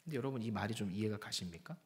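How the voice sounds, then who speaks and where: A man's voice: fairly low pitch, animated, very fast, a little mellow. A male pastor preaching a sermon, telling the story dramatically and often dropping to a whisper.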